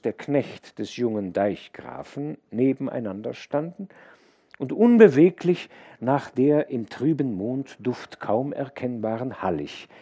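A male audiobook narrator reading a classic novella, slow and expressive. His voice is dark and husky, and his tone rises and falls widely to build an eerie mood. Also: medium pitch.

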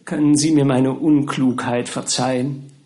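A man voicing a gentle young bride, soft-spoken and polite. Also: medium pitch, level tone, measured pace, close to an everyday voice. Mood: grateful.

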